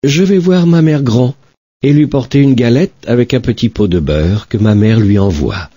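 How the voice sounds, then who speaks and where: A man voicing an innocent, trusting little girl in a storybook reading, with a high, eager, wide-eyed delivery. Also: normal speed, dark tone, breathy edge, no room sound, lo-fi sound, natural voice.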